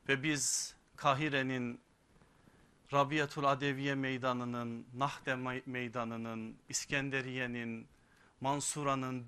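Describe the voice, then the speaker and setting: A man's voice: medium pitch, fairly bright tone. Solemn man preaching. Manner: solemn, deliberate, rhetorical, phrase-by-phrase delivery with lists and questions. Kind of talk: sermon, religious lecture to a congregation.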